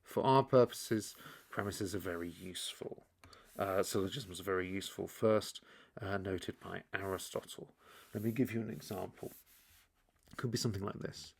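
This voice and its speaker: A man with a low, gravelly voice gives an easygoing explainer lesson. He thinks aloud, doubles back on his words and keeps a loose, teacherly flow as he sketches along. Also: moderate pace. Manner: relaxed, thinking aloud, frequent restarts. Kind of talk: explainer lesson while drawing.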